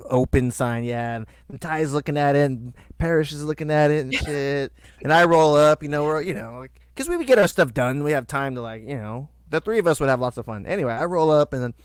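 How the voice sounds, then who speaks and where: A man's voice: fairly quick, hardly any pauses, smooth, no room sound, studio quality. A man co-hosting a podcast, telling road stories in casual, profane chat and acting out quotes. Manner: animated, swears freely, acts out quotes in a higher voice. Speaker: podcast co-host.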